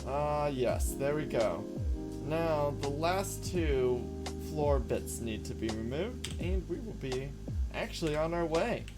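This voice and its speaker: This is casual live-stream chatter from a man playing a game: he rambles, replies to chat, and mutters to himself. He takes it slowly in a fairly high, animated voice, with music playing behind him.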